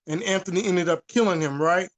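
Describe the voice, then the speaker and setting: In a casual, unscripted discussion, a high-voiced man speaks a little fast, emphatic and informal. He often repeats his phrases and uses some salty language.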